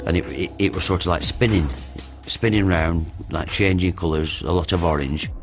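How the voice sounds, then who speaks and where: A deep-voiced older man tells his own story, rambling and repeating himself as he goes. Music plays behind him. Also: normal speed. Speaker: eyewitness. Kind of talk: recounting a personal story.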